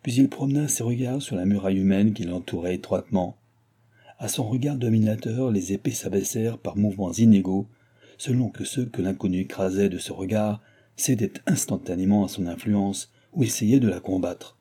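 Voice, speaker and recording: A man with a husky voice reading a classic novel as an audiobook narrator, in a measured, grave storytelling manner. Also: fairly low pitch, dark tone. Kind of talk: scripted literary narration.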